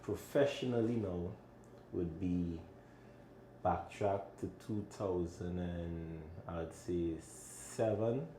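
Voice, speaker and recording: Deep-voiced Trinidadian man in an echoey room. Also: takes it slowly, mellow, a little hiss or hum. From Trinidad and Tobago. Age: 30s. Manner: easygoing, laughs often, frequent yups. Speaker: chef and restaurant owner. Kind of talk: casual interview chat.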